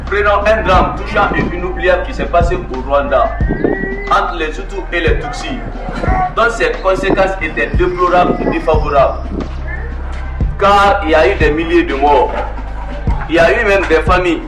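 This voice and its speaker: A man playing a calm neighborhood elder who mediates, speaking in a polite, formal way. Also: high voice, moderate pace, close to an everyday voice. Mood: earnest. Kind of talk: amateur film acting. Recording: roomy, distant, with music.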